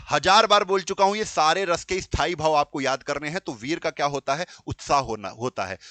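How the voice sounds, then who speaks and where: A man's voice: a little high, sharp tone, no room sound. A male teacher giving an exam-prep lesson, asking the students questions and answering them himself, repeating the key terms and calling them bachche and beta. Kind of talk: classroom lecture.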